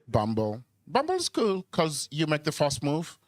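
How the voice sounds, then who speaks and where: Pitched on the high side, the comedian's voice swings hugely up and down at an unhurried pace, and there's no room sound. He's a Kenyan performing live stand-up at a club mic, storytelling conversationally, engaging the crowd, and stumbling into hesitations and repeated words.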